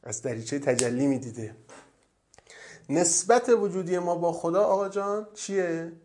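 Man, cleric, religious lecture, slightly high voice, soft low asides. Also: slight background noise. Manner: storytelling, often drops to a soft, low voice.

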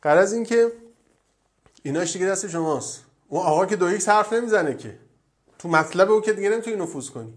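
A man giving a religious lecture, telling stories and often dropping to a soft, low voice. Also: expressive. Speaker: cleric.

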